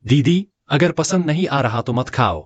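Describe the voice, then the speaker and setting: A man's voice: medium pitch, animated, unhurried, dull audio, a little hiss or hum, close to an everyday voice. A man voicing a protective young brother who talks back sharply and confronts his sister's suitor, in a dubbed drama. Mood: defiant. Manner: defiant, confrontational. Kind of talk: Hindi drama dubbing.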